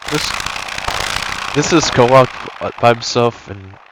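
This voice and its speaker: A young gaming YouTuber rambles through casual, enthusiastic gameplay commentary, frequently correcting himself. His voice sits at medium pitch and moves slowly, and the recording is very noisy.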